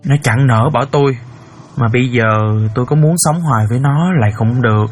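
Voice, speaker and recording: A man's voice: mid-range voice, a little fast, breathy edge, soft background music, lightly acted. An actor playing a middle-aged father who earnestly recounts a painful story. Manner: earnest storyteller, cries out in emotion. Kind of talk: audiobook character acting.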